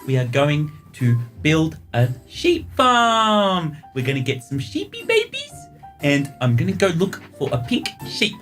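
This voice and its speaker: A man voicing a bubbly, high-voiced young woman gamer in a cutesy, gushing manner. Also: huge pitch swings, measured pace, a bit bright, faint music behind, exaggerated voice.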